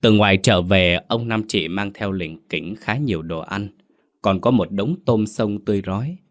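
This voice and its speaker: A man narrating a scripted horror story in a calm, measured way. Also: on the low side, dry recording. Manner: calm measured telling, cries out in the father's lines. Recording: dry close recording with faint music.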